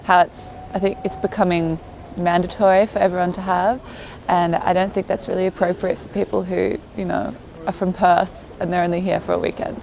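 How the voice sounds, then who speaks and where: Low, creaky-voiced Australian woman. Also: flat delivery, brisk, few pauses, darkish tone, a little hiss or hum. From Melbourne, Australia. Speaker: member of the public. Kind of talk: casual street vox pop.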